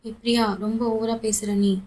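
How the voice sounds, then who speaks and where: A woman's voice: on the high side, level tone, moderate pace, a little mellow, slight background noise, close to an everyday voice. A woman voicing a blunt, protective young woman friend in a romance audiobook, speaking in a scolding way.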